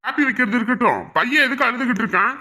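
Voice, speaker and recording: A man's voice: extremely high pitch, lively intonation, rapid-fire, sharp tone, exaggerated voice. A man playing a mild, stuffy-nosed father. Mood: arguing. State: head cold. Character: easygoing village father, gives in to wife. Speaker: father, husband. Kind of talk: village family drama acting.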